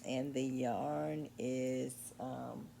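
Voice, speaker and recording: A drowsy woman in her sixties chats unhurriedly through her day's crafts, her words drawn out and slow. Her voice is mellow and gravelly, and she drifts between thoughts with frequent ums. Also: rumbling low, fairly even intonation, a little hiss or hum. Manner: slow, meandering, many pauses and ums. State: sleepy, late at night. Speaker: crochet vlogger. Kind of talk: casual show-and-tell vlog.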